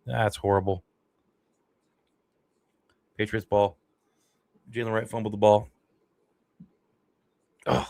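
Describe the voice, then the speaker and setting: A man with a fairly low voice talks through a football game as a fan livestream host, in casual play-by-play. He gets worked up and emotional over the action. The sound is dry and close, with no room around it. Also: a little slow, long pauses, no echo. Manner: excitable, emotional fan reactions.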